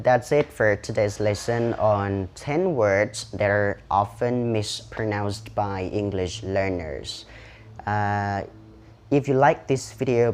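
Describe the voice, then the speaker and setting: Male English teacher with Lao accent, deep-ish voice, very unhurried delivery, drills words one by one. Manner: repeats each word slowly and clearly; switches to slow deliberate English at the sign-off. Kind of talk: pronunciation lesson.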